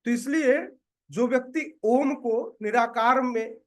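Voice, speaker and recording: A man preaching a scripture class, explaining slowly with many pauses and asking his listeners rhetorical questions to check that they follow. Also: very high voice. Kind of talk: devotional scripture lecture.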